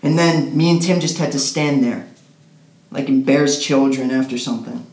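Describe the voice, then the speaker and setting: A man playing a nervous young man who answers in quick, hushed, evasive bits in an audio drama. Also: medium pitch, natural voice. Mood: rueful. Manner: hushed, fidgety, quick short replies. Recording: roomy echo.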